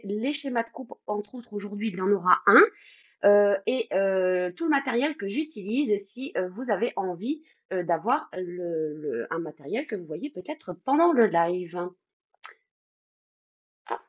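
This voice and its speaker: Chatty French craft host, a woman with a husky, fairly high voice, muffled stream sound. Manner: chatty, greets viewers by name, many fillers. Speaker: craft demonstrator hosting a live stream. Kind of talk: casual live demo chat.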